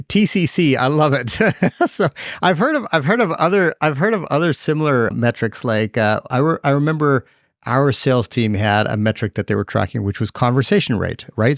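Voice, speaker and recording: A man hosting a podcast with a gravelly edge to his voice, chatty and quick to laugh. He ends his points with "right?" and asks open questions. The sound is close and dry. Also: mid-range voice, no echo. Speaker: podcast host. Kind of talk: casual podcast interviewing.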